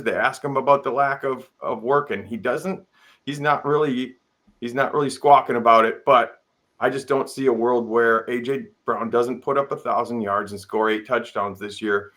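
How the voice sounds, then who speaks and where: A man co-hosting a casual sports podcast, upbeat and laughing along with quick interjections. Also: mid-range voice, steady tone, fairly bright tone. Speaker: podcast co-host. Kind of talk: casual fantasy football chat.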